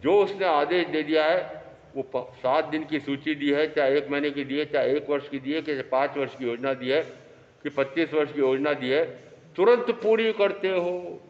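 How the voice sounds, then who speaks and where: Animated male preacher in an echoey hall. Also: fairly high pitch, moderate pace. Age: 50s. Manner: animated, rhetorical questions to the audience. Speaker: Jain monk preacher. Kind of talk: sermon. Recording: echoey hall, dull lo-fi sound.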